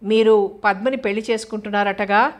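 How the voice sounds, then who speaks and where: A woman voicing a frightened, grieving young woman from an audio novel. She speaks with soft, tearful pleading, and the voice stays level and narrow in pitch. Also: steady tone, fairly quick, natural voice. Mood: hurt.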